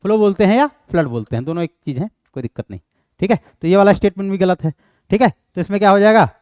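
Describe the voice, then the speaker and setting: Clean studio sound with no echo carries this man's high, animated, somewhat mellow voice. An Indian-accented teacher, he delivers an exam-prep lecture step by step, answering his own questions and slowly reading out English question text.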